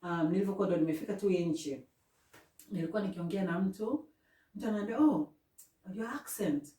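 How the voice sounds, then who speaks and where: A young East African woman with a Kenyan accent hosts a casual chat, mixing English and Swahili as she gives earnest advice. Her mid-range, mellow voice is expressive and fairly quick, recorded in an echoey room far from the mic.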